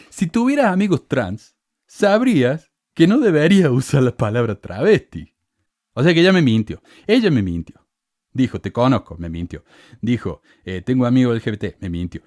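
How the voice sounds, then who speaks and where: A middle-aged podcast host with a Cordoba Argentine Spanish accent, from Córdoba, Argentina, speaks at a moderate pace with a darkish tone and big pitch swings. Sarcastically indignant, he reads out hostile comments and rants with rising pitch. The recording is dry and studio quality.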